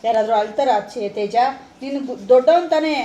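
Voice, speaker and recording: High quick-talking woman coaxing a child. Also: mellow, dull audio. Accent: Kannada, from Kalaburagi. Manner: coaxing, consoling a crying child. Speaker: vlogger. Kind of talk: casual family chat. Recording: echoey room, faint noise.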